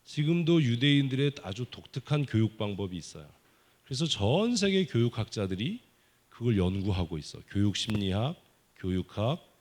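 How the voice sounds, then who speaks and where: A man preaching a children's sermon at a summer Bible school service in a church, playfully teasing and quizzing the kids with quick questions. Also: lowish voice, big pitch swings, darkish tone. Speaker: pastor. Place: church sanctuary.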